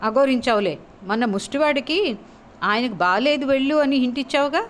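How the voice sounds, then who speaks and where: A woman's voice: high voice, brisk, slight background noise, close to an everyday voice. A woman voicing an overworked, henpecked husband in a spoken story, grumbling and exasperated.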